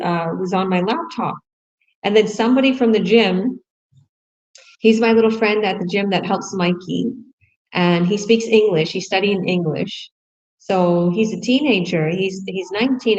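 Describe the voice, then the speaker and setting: A middle-aged woman from Canada giving a casual, enthusiastic sales pitch, chatty and full of restarts. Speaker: online business promoter. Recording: dull lo-fi recording.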